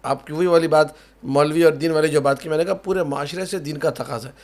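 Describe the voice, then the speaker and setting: Male cleric panelist, slightly high voice, emphatic and repetitive. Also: fairly even intonation, darkish tone. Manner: emphatic, repetitive listing, folksy asides. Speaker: cleric who officiates weddings. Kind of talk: conversational religious talk on a panel.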